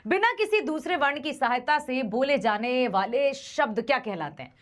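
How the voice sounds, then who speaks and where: A woman teacher giving an exam-prep grammar lesson, quizzing students and slowly repeating sounds to demonstrate them. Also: high-pitched, lively intonation.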